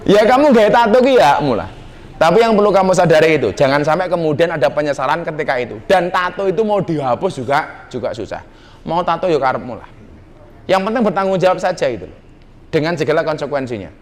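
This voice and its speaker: A man's voice: on the high side, animated, fast talker. A middle-aged man with a Javanese accent, preaching in a teasing, jokey way to a nightclub crowd. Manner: teasing, jokey, mixes Javanese slang into his talk. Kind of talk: joking sermon to a nightclub crowd. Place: nightclub hall with a live audience.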